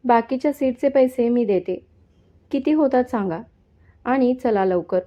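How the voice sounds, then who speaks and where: A woman's voice: on the high side, a little slow, close to an everyday voice. A woman voicing a young working woman who has run away from home, speaking with urgent questions in a story reading. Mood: impatient. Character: young woman, runaway office worker, impatient then friendly. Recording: dull lo-fi sound.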